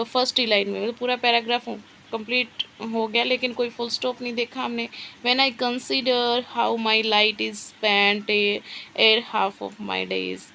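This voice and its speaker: Slow-talking woman teacher, gravelly and bright. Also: fairly high pitch, a little hiss or hum, rough recording. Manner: explains slowly, asks and answers her own questions. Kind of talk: exam-prep literature lesson.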